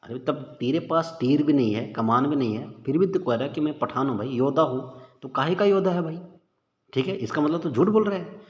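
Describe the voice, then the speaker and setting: A man's voice: fairly high pitch, fairly quick. A man teaching a casual exam-prep lesson, chatty and informal, calling listeners "bhai" and thinking aloud as he works through the questions. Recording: echoey room with long reverb, dull lo-fi sound.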